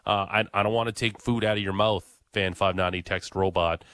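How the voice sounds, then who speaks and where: A man's voice: on the low side, steady tone, fairly quick, fairly bright tone, smooth, no echo. A man hosting sports talk radio, chatty and opinionated, with lots of "uh" fillers.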